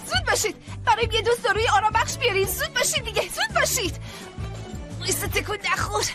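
A very high-voiced, bossy psychiatrist. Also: female voice, lively intonation, over music. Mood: commanding. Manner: soothing to patients, commanding to staff. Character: brisk, bossy female hospital psychiatrist. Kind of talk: dubbed drama acting.

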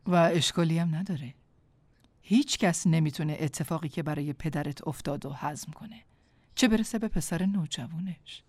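An actress voicing a gentle, soothing therapist in a dubbed drama. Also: female voice, low-pitched, no room sound.

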